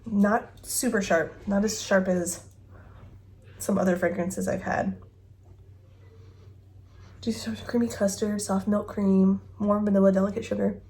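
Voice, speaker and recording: A woman's voice: mid-range voice, steady tone, measured pace, pauses often, darkish tone. A woman in her thirties chatting casually at home as she reviews fragrances, thinking aloud with giggles and a phone mic. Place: home bedroom with dresser.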